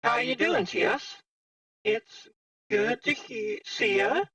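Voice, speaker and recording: A man's voice: extremely high pitch, sing-song, slow pace, gravelly, pushed and bright, breathy edge, dry recording, recorded from a distance, pitched above the performer's own voice, full character voice. A man live-streaming in VR, talking through a synth robot voice changer, chatting casually with viewers while juggling his setup.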